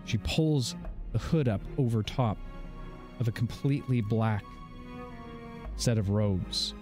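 A man narrating a tabletop fantasy game as game master, measured and descriptive with dramatic pauses. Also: lowish voice. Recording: background music under the voice.

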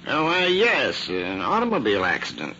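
An American actor playing an obliging, hesitant male doctor in an old-time radio drama, speaking in a halting, thoughtful way. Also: mid-range voice, wildly swooping pitch, sharp tone, heavily acted. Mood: helpful, recollecting. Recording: noisy, muffled old radio recording.

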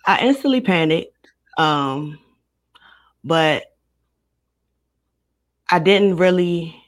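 A woman in her twenties from Maryland, a guest recounting a personal story in a casual interview, steady and matter-of-fact. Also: fairly low pitch, drawn-out words. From Maryland, United States. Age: 20s.

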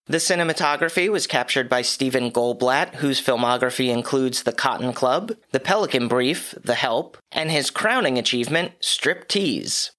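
Reading from a script, a man reviews a movie on his own podcast and drops in wry, dry remarks along the way. His mid-range voice comes across bright and forceful, though slightly hoarse from a cough.

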